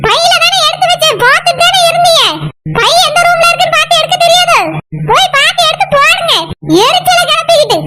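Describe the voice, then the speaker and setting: A woman voicing an aggrieved, sharp-tongued village wife and mother in a cartoon, speaking with a Kanyakumari Tamil accent in a bitter, complaining way. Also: extremely high pitch, fast. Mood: scolding. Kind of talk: cartoon voice acting. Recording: loud background noise.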